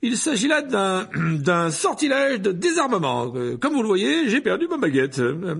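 A man voicing a vain, pompous male wizard teacher who clears his throat when flustered, in a storybook reading. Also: high-pitched, big pitch swings, moderate pace, fairly bright tone, pitched above the performer's own voice, full character voice.

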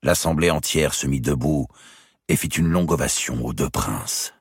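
A male narrator reading a historical novel with expressive, lively delivery. His voice is very deep and gravelly with a strongly husky grain. The recording is dry and close. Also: normal speed, no room sound. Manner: expressive, acts out every character. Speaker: audiobook narrator.

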